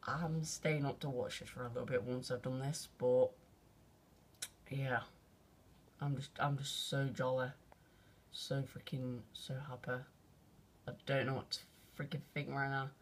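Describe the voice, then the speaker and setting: Excitable young guy rambling. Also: mid-range voice, unhurried, pauses often. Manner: rambling and excitable, full of fillers and casual slang. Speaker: vlogger. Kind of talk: excited off-the-cuff phone commentary. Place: at home by an open window at night. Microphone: phone held out of a window.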